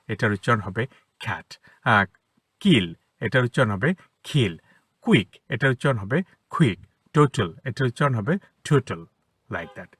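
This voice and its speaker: Male English tutor, Bengali accent, lively up-and-down delivery, bright but slightly husky tone, dry close sound in a car, explains patiently and repeats examples. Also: medium pitch, dry recording. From Bangladesh. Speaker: English teacher, academy founder. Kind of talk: spoken English lesson for children. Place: inside a parked car.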